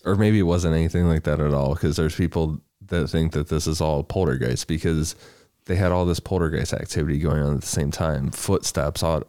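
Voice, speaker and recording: Podcast co-host, very deep man, dry close mic, relaxed crude storytelling. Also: a little fast, few pauses, clean tone, dry recording. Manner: laid-back, crude, recaps the story in plain narration. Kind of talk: casual storytelling chat.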